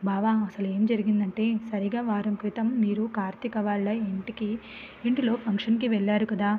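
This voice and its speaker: A woman's voice: medium pitch, flat delivery, a little fast, a little hiss or hum, natural voice. A woman voicing a young village wife who pleads through tears, recorded with a tinny, phone-like sound. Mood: bitter. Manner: pleading, tearful.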